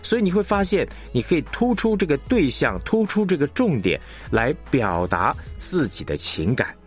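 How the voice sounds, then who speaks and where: A man teaching announcing techniques in a recorded radio lesson, explaining in a measured, deliberate way and demonstrating how to phrase lines. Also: on the high side, sing-song, soft background music. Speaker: broadcasting instructor.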